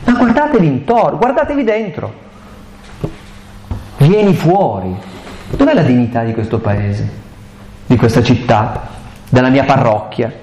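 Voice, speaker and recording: A man's voice: mid-range voice, very animated, a little slow, pauses often, darkish tone. Impassioned man preaching in an echoey hall. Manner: impassioned, colloquial, full of rhetorical questions. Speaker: catechist giving a Bible talk. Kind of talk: live catechesis talk. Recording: echoey live room recording, faint background hiss.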